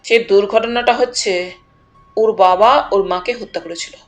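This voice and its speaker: A woman's voice: mid-range voice, measured pace, soft background music, natural voice. A woman reading the part of a blunt, pushy young male suitor who presses hard with challenging questions. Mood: accusing.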